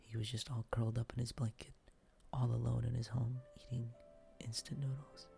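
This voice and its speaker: A man whispering softly in an intimate, affectionate boyfriend roleplay for ASMR. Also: medium pitch, level tone, moderate pace, creaky, faint music behind.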